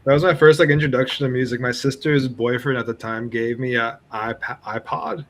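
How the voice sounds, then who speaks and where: A man's voice: mid-range voice, steady tone, fairly quick. A young man talking as a podcast guest, laid-back and full of fillers. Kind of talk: casual podcast chat.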